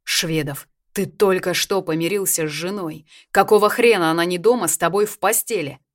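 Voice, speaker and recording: A woman reading an audiobook, voicing the gruff, hot-tempered male narrator in his curt lines. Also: fairly low pitch, fairly even intonation, normal speed, close to an everyday voice. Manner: growling, curt.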